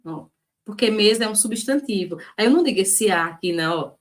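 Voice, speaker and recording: A woman teaching an online exam-prep lesson in a lively, chatty way, often stretching out key words. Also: mid-range voice. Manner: lively, chatty, frequent "ó" and "né", drawn-out stressed words. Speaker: Portuguese teacher.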